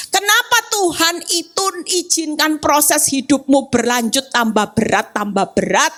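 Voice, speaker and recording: Slow-talking high-voiced woman preacher. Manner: lively, acts out quoted voices and asides to the congregation. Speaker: evangelist preacher. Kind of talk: sermon. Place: church hall, on-site service.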